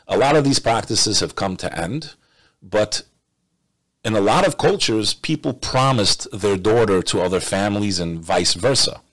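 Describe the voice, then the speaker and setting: A man's voice: lowish voice, no echo. A man from the United States giving emphatic reaction commentary, often repeating phrases for stress.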